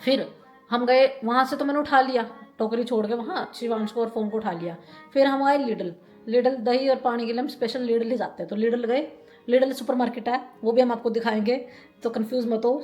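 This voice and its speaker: A somewhat high-voiced woman from India tells a story in a casual vlog, rambling and repeating herself as she goes. She breaks into laughter often, and faint music plays softly behind her. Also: fairly even intonation, moderate pace. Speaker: vlogger.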